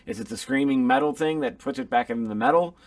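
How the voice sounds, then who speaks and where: Gravelly man musing in podcast chat. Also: mid-range voice, wildly swooping pitch. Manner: musing, halting, puts on quick voices to mimic others. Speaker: podcast co-host. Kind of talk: casual chat.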